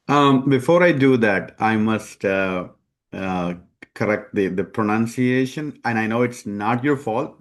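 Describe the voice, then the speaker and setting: A man being interviewed as a company founder, speaking in a measured way with many hesitations. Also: on the low side. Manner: measured, many ums and uhs. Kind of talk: conversational interview.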